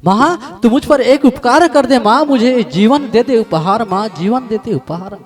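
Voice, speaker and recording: A man's voice: very high-pitched, a little slow. Man voicing an unborn girl pleading with her mother. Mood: begging. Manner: tearful pleading, repeating "maa".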